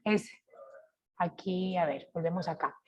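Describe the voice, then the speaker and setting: Una mujer de Colombia con acento colombiano da una clase de francés en línea, pronuncia despacio los ejemplos y pregunta a menudo si la siguen. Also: female voice, lowish voice, lo-fi sound. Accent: Colombian Spanish. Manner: slow, careful pronunciation of French examples; checks in with frequent "¿cierto?". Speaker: French teacher. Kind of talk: online class, sharing screen.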